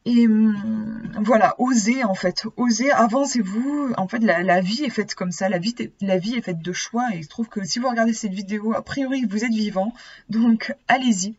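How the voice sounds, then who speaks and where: A woman's voice: a little high, moderate pace, darkish tone, breathy edge, dull audio. A woman with a lisp giving a card reading, speaking to the viewer. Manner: hesitant, searching for words. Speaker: oracle card reader. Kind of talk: casual card reading, with passages read from a booklet.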